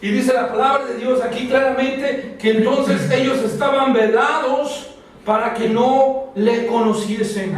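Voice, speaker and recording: A man preaching a sermon, often asking the congregation questions and calling for answers. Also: high voice. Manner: asks the congregation questions and calls out for responses. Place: church hall. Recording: echoey hall, mic far off.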